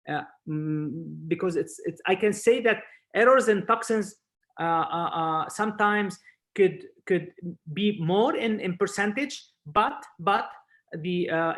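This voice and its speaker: A man from Spain, a surgeon lecturer, explains things haltingly in non-native English during an informal video webinar talk, repeating words as he goes. His high-pitched voice has a fairly bright tone over the video-call mic.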